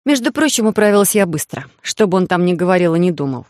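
A woman narrating a first-person romantic audiobook in a lively, ironic way. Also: lowish voice, quick pace, dry recording, studio quality. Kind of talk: scripted narration.

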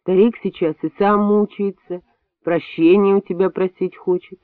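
A man reading an audiobook voices a calm, firm male hospital doctor who speaks quietly and weightily. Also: high voice, moderate pace, clear, resonant tone, dry recording, close to an everyday voice. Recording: dry, tinny phone-like sound.

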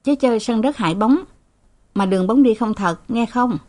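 A woman's voice: a little high, fairly quick, a little mellow, pitched above the performer's own voice, natural voice. A woman reading a story, voicing an irritable, sleepy father who scolds his children. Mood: coaxing. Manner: scolding, curt.

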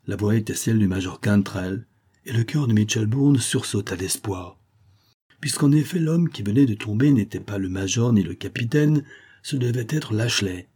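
A male audiobook narrator reading an adventure story. His voice is low, dark and mellow with a husky, slightly breathy grain. He keeps a measured, steady storytelling pace. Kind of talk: scripted literary narration.

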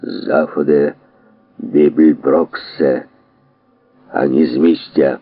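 A man voicing a gruff male policeman in an audiobook, barking orders in a low put-on voice. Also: fairly even intonation, drawn-out words, no echo, soft background music, heavily acted. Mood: commanding. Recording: dry tinny narrow-band audio.

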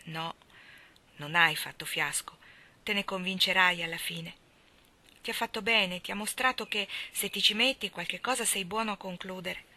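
A woman's voice: mid-range voice, moderate pace, pushed and bright. A woman reading aloud, voicing an earnest young woman who lectures in a sure tone. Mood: lecturing. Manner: sure, preaching tone.

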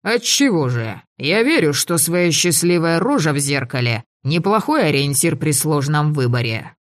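A woman's voice: low voice, sing-song, normal speed. A woman voicing a proud, sardonic young male adventurer in an audiobook, speaking in mocking, self-pitying banter. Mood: wry. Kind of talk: audiobook character voice.

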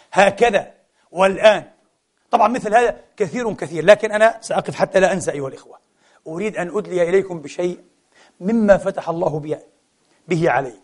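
A middle-aged man preaching a sermon, animated, mixing classical with colloquial asides and rhetorical questions. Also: high voice, husky. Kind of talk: Friday sermon to a congregation.

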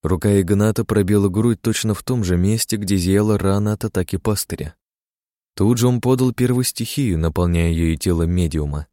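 A man reading a fantasy audiobook as narrator, in a dramatic, steady reading style. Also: on the low side, normal speed, no room sound, studio quality. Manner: dramatic, steady reading that voices characters' shouts.

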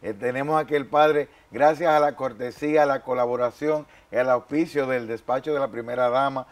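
A man's voice: mid-range voice, fairly even intonation, normal speed. A man hosting a television interview on a faith program, speaking formally with thanks and greetings.

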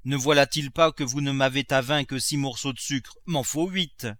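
A man's voice: mid-range voice, steady tone, moderate pace, fairly bright tone, no echo, voice pushed up, lightly acted. A man voicing an old countrywoman servant, loyal and stubborn, who talks in a rustic, bold and familiar way. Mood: pleading, protesting. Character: blunt elderly woman servant, loyal and stubborn.

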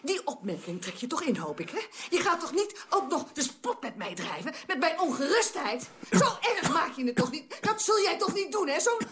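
An actress playing a worried, indignant wife in a radio play, scolding with insistent rhetorical questions. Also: female voice, sits high, big pitch swings, moderate pace, hardly any pauses, fairly bright tone, slight background noise. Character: anxious, indignant wife, middle-aged woman.

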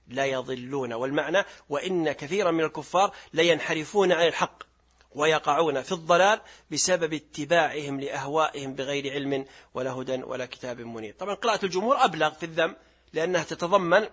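A middle-aged man leads a religious lesson, his voice somewhat raised in pitch and a little husky. He explains patiently, recites verses at a slower pace and puts questions to his listeners. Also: fairly bright tone. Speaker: sheikh teaching Quran commentary.

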